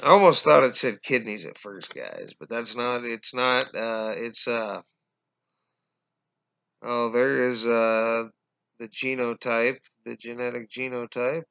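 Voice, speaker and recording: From a small room in his home, a conspiracy vlogger in his forties talks casually to viewers on a webcam, explaining things and addressing them as "guys." He keeps halting, using fillers and restarting, and he coughs as his voice grows hoarse. His pitch is medium and a bit bright, and the audio comes through dull and lo-fi.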